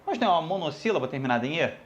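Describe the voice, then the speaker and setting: Speaking very fast in a high voice, a man runs an energetic grammar class, casually calling his students "galera" and going over each rule more than once. The sound is lo-fi.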